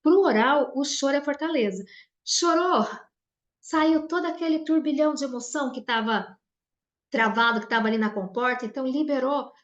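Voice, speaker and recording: High-voiced Brazilian woman teaching expressively. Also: normal speed, reverberant, muffled recording. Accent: Brazilian Portuguese. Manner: expressive, acts out little quoted dialogues. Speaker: teacher explaining personality traits. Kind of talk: informal spoken lesson.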